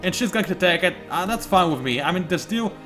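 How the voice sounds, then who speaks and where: Music plays in the background as a high-pitched, animated man talks a little fast. He's a let's play host giving chatty, joking commentary on a strategy game, reasoning aloud and making fun of himself.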